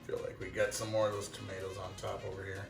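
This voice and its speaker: A man's voice: sits low, little pitch movement, fast, creaky. Chatty young male cooking host, casual and self-mocking; roomy kitchen, distant mic, music under him. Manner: self-deprecating, chatty, talks while eating. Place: home kitchen.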